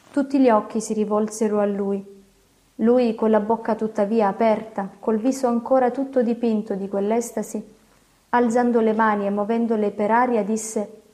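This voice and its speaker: A woman narrates a classic novel in a steady, expressive reading. Her voice sits slightly high yet sounds warm and mellow. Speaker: audiobook narrator.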